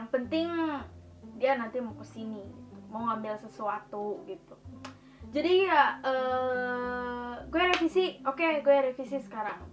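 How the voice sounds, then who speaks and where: High bright-voiced young woman vlogging. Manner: chatty, slangy, addresses viewers as guys, laughs often. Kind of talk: casual chat to camera.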